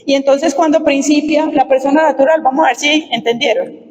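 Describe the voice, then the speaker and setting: A woman's voice: high-pitched, steady tone, fairly quick, lo-fi sound. Colombian woman lecturing in an echoing hall. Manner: emphatic, asks the audience questions. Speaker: lawyer and lecturer. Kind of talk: lecture to a live audience. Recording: distant roomy hall recording.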